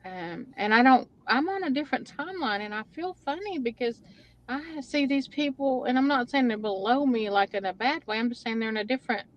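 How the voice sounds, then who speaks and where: A woman calling in to a livestream and speaking earnestly and emotionally about her spiritual feelings, often halting mid-thought. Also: fairly high pitch, muffled recording. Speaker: caller. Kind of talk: casual spiritual chat.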